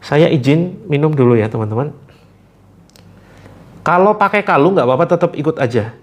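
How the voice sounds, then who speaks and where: A man hosting a live spiritual therapy session, giving gentle instructions with light jokes. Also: fairly high pitch, expressive, moderate pace.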